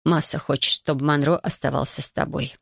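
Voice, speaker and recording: A woman's voice: low voice, fairly even intonation, brisk, gravelly, breathy edge, no room sound, studio quality, heavily acted. A woman voicing a subdued, evasive housekeeper in an audiobook, who mutters her words. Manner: muttered, avoids eye contact.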